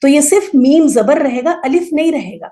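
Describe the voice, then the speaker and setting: Female grammar teacher, high voice, patient and methodical, drills word forms aloud. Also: expressive, warm tone. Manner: explains patiently, repeats word forms slowly for emphasis. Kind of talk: online class lecture.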